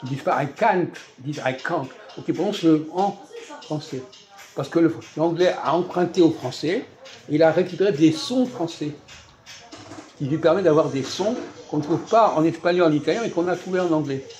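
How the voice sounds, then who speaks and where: A man hosting a casual, teacherly chat in a fast-food restaurant, quizzing his guest with repeated questions and sudden bursts of emphasis. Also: a little high, darkish tone.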